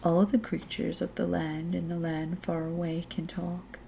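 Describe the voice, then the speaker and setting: Lady doing a big wise phoenix lady for a kids book, low n husky, slow and kindly. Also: completely flat delivery, dark tone, a little hiss or hum. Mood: kindly, explaining. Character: giant female phoenix, gentle, wise and welcoming.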